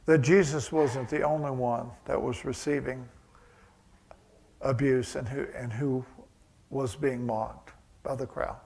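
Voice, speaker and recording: A man's voice: medium pitch, creaky, a little mellow. A male pastor preaching a sermon, mixing conversational asides with rising, emphatic passages.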